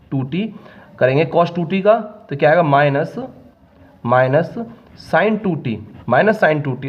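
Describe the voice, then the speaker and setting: Male maths teacher, patient, slow step-by-step dictation, slightly high voice, dull lo-fi recording. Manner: patient, checks often whether students follow; dictates terms slowly, step by step. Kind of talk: whiteboard maths lesson.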